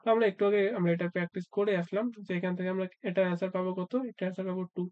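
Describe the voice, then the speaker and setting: A man's voice: sits high, little pitch movement, rapid-fire, no echo, muffled recording. A man teaching an exam-prep math lesson, asking himself questions and answering them, with frequent "uh" fillers. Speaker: math tutor.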